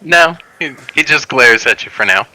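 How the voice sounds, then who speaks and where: A man's voice: mid-range voice, lively intonation, moderate pace, bright, forceful tone, low-quality recording. A man running a tabletop game as dungeon master on a voice call, talking hesitantly with many fillers.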